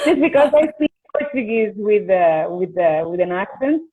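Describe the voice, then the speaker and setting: Her medium-pitched, darkish voice carries a little hiss or hum as this Italian host and singer chats casually on a video call, repeatedly restarting her sentences. The audio is tinny and phone-like.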